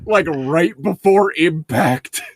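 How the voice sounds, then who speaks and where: Joking around in a casual group chat, this co-host reads a book aloud with his friends and laughs easily. His voice is on the high side, recorded cleanly in a studio with no echo.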